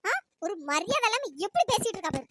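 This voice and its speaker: A performer voicing a domineering older mother-in-law who shouts and berates her daughter-in-law in a cartoon. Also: extremely high pitch, sing-song, fast talker, noisy background. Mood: scolding. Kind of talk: cartoon voice acting.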